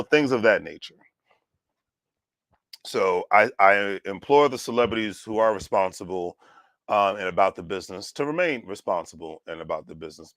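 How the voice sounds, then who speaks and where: Vlog host, man around forty, very low voice, dry close recording, sarcastic and rambling. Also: fairly bright tone, dry recording. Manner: rambling, sarcastic, restarts sentences often. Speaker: channel host. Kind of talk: casual vlog commentary.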